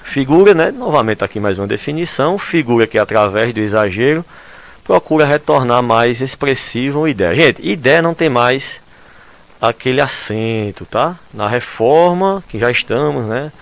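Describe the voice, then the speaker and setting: A Brazilian man gives a recorded language lesson in a chatty, lively way. He keeps tossing quick check-in questions to his students. His pitch rises and falls with easy animation. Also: vocal fry. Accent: Brazilian Portuguese. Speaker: Portuguese language teacher. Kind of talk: recorded remote class lesson.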